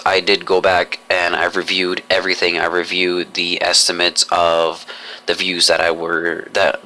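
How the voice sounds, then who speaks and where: A man's voice: low-pitched, bright, forceful tone, slight background noise. A young man talking to camera in a rambling vlog, with formal, long-winded phrasing and many restarts. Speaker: YouTuber.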